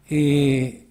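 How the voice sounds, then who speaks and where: A man with an Argentine accent giving a formal academic lecture as an invited speaker at a symposium, measured and structured, with occasional restarts. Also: medium pitch, vocal fry, dark tone. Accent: Argentine Spanish. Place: lecture hall.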